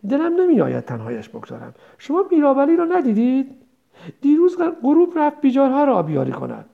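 A woman's voice: high voice, huge pitch swings, creaky, voice pushed up, full character voice. A woman voicing an old village mother who rambles tenderly and laments her son, on a dull lo-fi recording. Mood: rambling worry. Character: old village mother, grieving, confused, doting.

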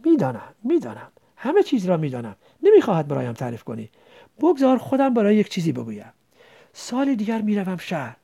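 A woman voicing an earnest teenage village boy who gently comforts his sister, in a read-aloud story. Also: mid-range voice, huge pitch swings, gravelly, husky, full character voice. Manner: gentle, soothing, then bitter.

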